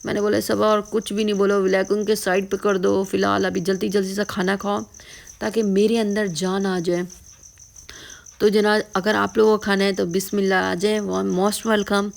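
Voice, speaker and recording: A woman's voice: medium pitch, flat delivery, vocal fry. A tired woman, chatting casually to her viewers in a vlog. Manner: chatty, tired, often addresses viewers as "janab". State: hoarse, tired voice. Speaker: vlogger.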